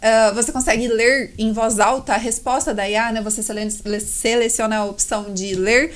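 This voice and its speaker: A woman's voice: on the high side, fairly even intonation, normal speed. A woman with a Brazilian Portuguese accent hosting a podcast interview, enthusiastic and chatty, with frequent tag questions. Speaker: podcast host. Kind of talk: conversational interview.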